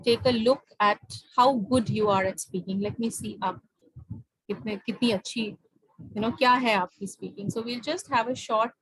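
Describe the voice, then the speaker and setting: This IELTS speaking tutor's husky, fairly high voice holds a steady tone as she talks very slowly. With her Indian accent, she mixes Hindi and English on a video call and often confirms her student has grasped things. The recording has no echo and sounds rough.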